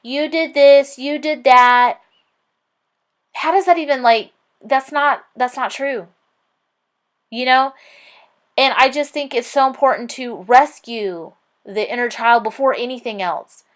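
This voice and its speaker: A woman's voice: high-pitched, unhurried. A woman talking in an earnest, rambling way, full of fillers and restarts. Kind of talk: casual reflective talk.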